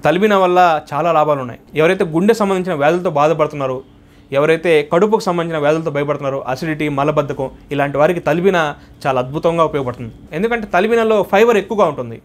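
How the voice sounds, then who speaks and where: A man giving an instructional religious talk, going briskly through a numbered list of points. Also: a little high. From India. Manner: brisk, listing points in order. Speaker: religious teacher.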